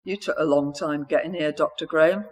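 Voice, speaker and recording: A woman's voice: low-pitched, fairly even intonation, a little fast, a little mellow. A woman voicing an abrupt, arthritic old man with a South London accent in a storybook reading.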